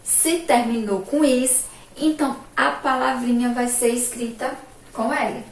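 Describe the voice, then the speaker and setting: Brazilian woman teacher from Sergipe, slow and emphatic with children, slightly high voice, echoey room from a distance. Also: fairly even intonation. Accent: Brazilian Portuguese, Sergipe. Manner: slow, drawn-out, emphatic syllables with frequent "ó" and "olha aqui". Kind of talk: remote school lesson for children. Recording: echoey room from far off, faint background noise.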